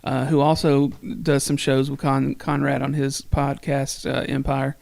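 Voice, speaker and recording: A man's voice: medium pitch, monotone, measured pace, gravelly, darkish tone, no room sound. A middle-aged man, co-hosting a podcast and telling a long rambling story with plenty of swearing. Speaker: podcast co-host. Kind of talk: casual chat.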